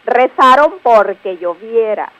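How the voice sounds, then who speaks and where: A woman's voice: on the high side, expressive, slow, a bit bright. A woman giving a grammar lesson on a radio show, quizzing her co-host and explaining patiently. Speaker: language teacher on a radio show. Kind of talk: radio spelling and grammar segment. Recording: dull lo-fi radio broadcast.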